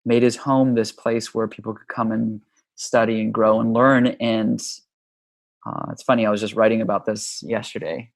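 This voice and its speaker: A man from Hawaii, a yoga teacher and author, telling stories about his upbringing in an easygoing, unhurried way with frequent ums. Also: lowish voice, steady tone, gravelly, no echo. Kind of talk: relaxed conversational storytelling.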